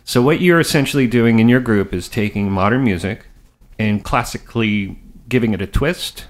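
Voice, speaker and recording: A man's voice: fairly low pitch, moderate pace. A man hosting a casual interview in a living room, speaking in an effusive, enthusiastic manner. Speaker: show host interviewer.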